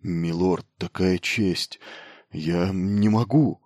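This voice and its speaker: A man's voice: low-pitched, extremely slow, darkish tone, no echo, studio quality, heavily acted. A man reading an audiobook voices a humble male engineer who speaks hesitantly and stammers. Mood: overwhelmed.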